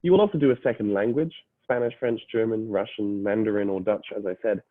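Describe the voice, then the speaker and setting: A young adult man who is half British works as a university admissions representative and gives an explanatory online presentation to prospective students. His voice is fairly low and he talks fast, with frequent filler uhs and restarts. The audio is dry and phone-like lo-fi, with no room sound.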